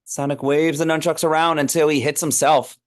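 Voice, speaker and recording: A man's voice: on the high side, little pitch movement, fairly quick. A man narrating a script read, reading stage directions aloud in an informal, amused way.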